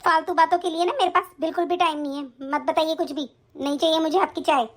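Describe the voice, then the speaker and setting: A woman voicing an angry, defiant young bride in an animated story. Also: very high-pitched, fast. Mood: snappish. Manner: snappish, defiant.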